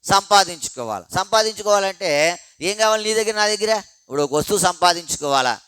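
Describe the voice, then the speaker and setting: A man with a high, smooth, resonant voice preaches to a prayer meeting through a handheld microphone. He fires rhetorical questions and answers them himself, swinging from loud emphasis to quiet low asides. The sound is dry and close. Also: animated, fairly quick, no echo. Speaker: pastor. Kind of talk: sermon.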